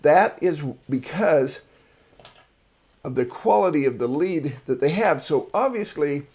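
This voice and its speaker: A man's voice: fairly high pitch, darkish tone. A man hosting a marketing show, casually reviewing articles and drifting into personal stories. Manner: chatty and digressive, tells personal stories.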